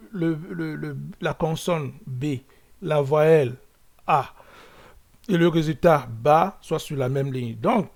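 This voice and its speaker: A man walks through a coding tutorial at an unhurried pace, his voice sitting a little high. He thinks aloud as he works, restarting sentences and filling pauses, and keeps checking in with his viewers. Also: vocal fry. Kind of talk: screen-recorded coding lesson.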